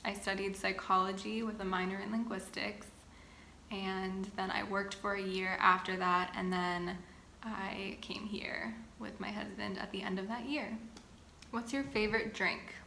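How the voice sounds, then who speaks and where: Young woman in her 20s doing a get to know me video, bright voice, kinda echoey room, chatty. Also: medium pitch, little pitch movement, measured pace, vocal fry. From Boston area, United States. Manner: chatty, reads questions then answers at length. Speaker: vlogger. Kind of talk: sit-down get-to-know-me chat. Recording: echoey room with faint ambient noise.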